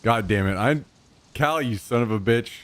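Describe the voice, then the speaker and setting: A man's voice: medium pitch, normal speed. Profane, exasperated male streamer ranting. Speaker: live streamer. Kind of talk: casual live stream rant.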